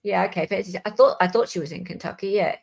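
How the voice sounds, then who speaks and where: Talking fast with vocal fry at medium pitch, an Australian woman hosts a live legal commentary chat, speaking informally and straight to her viewers as the livestream host.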